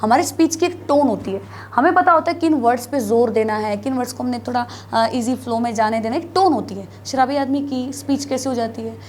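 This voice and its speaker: A woman's voice: fairly high pitch, fairly quick, slight background noise. A woman teaching biology in a classroom lecture, mixing Hindi with English terms, asking and answering her own questions. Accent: North Indian Hindi.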